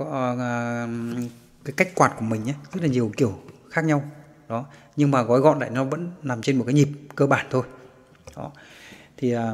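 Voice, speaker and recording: A man's voice: mid-range voice, long reverb tail. A man giving a casual guitar lesson, patiently chanting the strum directions aloud. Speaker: guitar teacher.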